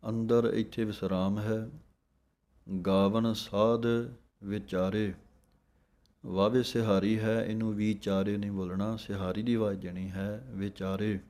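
Male recitation teacher, low voice, slow drawn-out chanting of verses with patient explanations. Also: flat delivery, warm tone. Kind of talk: slow recitation lesson with pronunciation notes.

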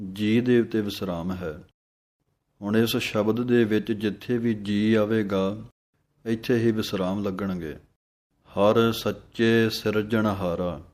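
A man teaching the correct pronunciation of a Sikh hymn, chanting each line slowly and then explaining it word by word. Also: on the low side, darkish tone. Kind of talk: slow recitation lesson with pronunciation notes.

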